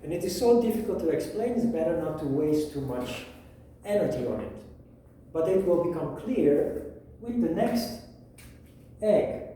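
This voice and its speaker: A man teaching a yoga philosophy lesson, explaining at a whiteboard in a measured way with pauses. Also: on the high side, very animated, dark tone, a little hiss or hum. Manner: slow, measured, with pauses and restarts. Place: room with a whiteboard. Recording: echoey room, mic at a distance.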